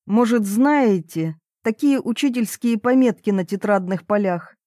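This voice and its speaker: A woman narrating an audiobook in the first person, with a wry, lively storytelling manner. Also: mid-range voice, a little slow, no echo, clean studio sound.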